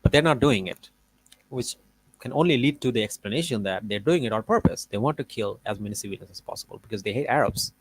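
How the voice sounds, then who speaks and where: A man's voice: mid-range voice, expressive, fast talker, breathy edge, low-quality recording. A man reviewing a debate clip in casual reaction commentary, arguing his points in a rambling way. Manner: argumentative, rambling, with fillers.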